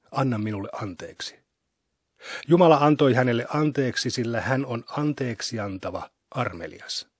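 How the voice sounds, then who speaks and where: A man giving a solemn, scripted scripture reading in a measured, unhurried manner, recorded close to a studio microphone. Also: mid-range voice, breathy edge, dry recording. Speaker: scripture reader.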